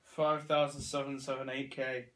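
A man's voice: medium pitch, flat delivery, moderate pace, fairly bright tone. A British teenage man trading casual quiz banter on a sofa indoors. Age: teens. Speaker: challenge participant. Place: living room sofa, indoors. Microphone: camera a short distance away.

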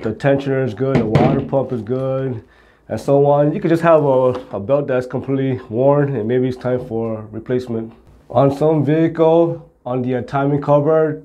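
A middle-aged man gives a hands-on, step-by-step car repair explanation to camera in plain language as an auto repair instructor. His medium-pitched voice has a warm tone.

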